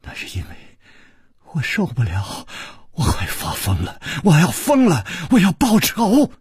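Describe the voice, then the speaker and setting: A man voicing a sly young woman who teases and taunts in murmured half-whispers, with a very husky voice. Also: low voice, wildly swooping pitch, a little slow, darkish tone, dry recording, clean studio sound, exaggerated voice. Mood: taunting.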